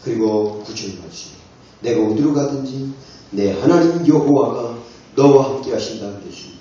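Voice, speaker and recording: A man's voice: medium pitch, normal speed, warm tone. A man preaching a sermon to a congregation, asking them question after question with fervor. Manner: impassioned, rhetorical questions to the congregation. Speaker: pastor. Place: church sanctuary. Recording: echoey church hall, distant dull mic.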